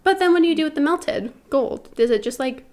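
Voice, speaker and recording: A woman guest on a podcast, chatting casually and telling a story with lots of fillers. Her voice sits a bit high. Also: animated, fairly quick, a loud crowd. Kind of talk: casual chat.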